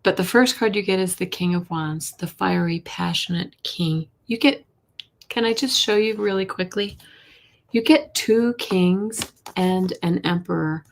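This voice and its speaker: A woman hosts a live tarot stream as an intuitive reader, chatty and reading viewer questions aloud. Her soft, slightly hoarse voice sits on the low side, isn't loud, moves at a measured pace, and often drops to a whisper.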